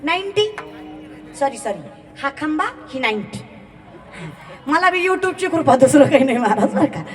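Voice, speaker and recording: A woman's voice: high-pitched, sing-song, normal speed, a crowd in the background. A young woman, preaching a devotional kirtan sermon with comic asides, teasing and mimicking villagers. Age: young adult. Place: large outdoor ground. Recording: long echo from outdoor PA.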